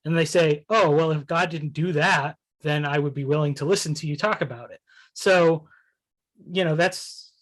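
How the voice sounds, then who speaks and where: A man's voice: on the high side, steady tone, normal speed. A man in a casual philosophical conversation, thinking aloud with many restarts and "you know"s. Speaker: essay writer discussing his ideas.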